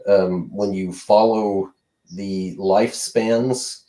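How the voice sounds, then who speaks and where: A man explaining a point slowly and deliberately during a debate chat, with occasional fillers. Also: lowish voice, steady tone, mellow, poor audio. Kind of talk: casual explanation.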